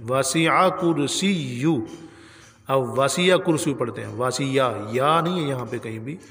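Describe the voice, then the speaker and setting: A man teaching correct pronunciation of recitation, stretching out each word slowly as he shows how to say it. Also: mid-range voice, vocal fry, a bit bright, long reverb tail. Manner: slow, drawn-out demonstrations of words. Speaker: Quran teacher. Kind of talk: pronunciation lesson.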